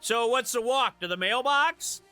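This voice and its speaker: Chatty streamer guy, high-pitched, close dry mic. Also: unhurried, sharp tone, smooth, no room sound, soft background music. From Michigan. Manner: chatty, laughs at his own jokes. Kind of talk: live stream chat with viewers.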